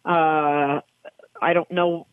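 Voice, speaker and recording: A woman's voice: very slow, smooth, no room sound. A woman racehorse trainer in a phone interview, talking in an emotional, rambling way. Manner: emotional, rambling, voice jumps high when excited. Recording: tinny dry phone line.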